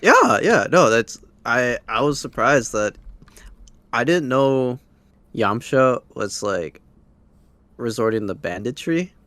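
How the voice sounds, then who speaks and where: Man, podcast co-host, laid-back chat, very lively pitch, dry close sound. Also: slow, pauses often, no room sound. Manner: laid-back, chatty, tells personal stories with laughter.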